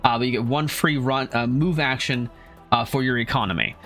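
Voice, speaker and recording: A man at a middle pitch runs a homebrew tabletop game, describing scenes and rules. He talks in a halting way, full of fillers and restarts. Soft music plays faintly behind him. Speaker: game master.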